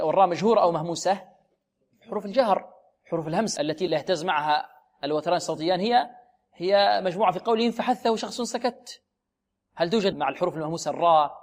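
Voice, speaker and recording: A man with a fairly high pitch gives a radio lesson on reciting the Quran. He slowly repeats words to model pronunciation and answers the questions he raises himself.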